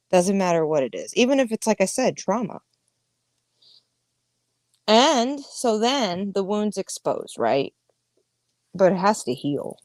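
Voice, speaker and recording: A woman in her thirties with a lowish, slightly mellow voice hosts a podcast, recorded without echo. In a casual livestream monologue she talks candidly and emphatically, swearing frequently.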